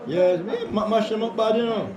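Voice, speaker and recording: An older man chatting casually on the phone, talking like an old man in a halting way and repeating his words. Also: high voice, a crowd in the background. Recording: echoey room, clear background noise.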